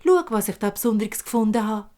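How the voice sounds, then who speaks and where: A woman's voice: mid-range voice, expressive, fairly quick, dark tone, close to an everyday voice. A woman with a Swiss German accent voicing an eager young shepherd boy in a told fairy tale. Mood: eager pleading.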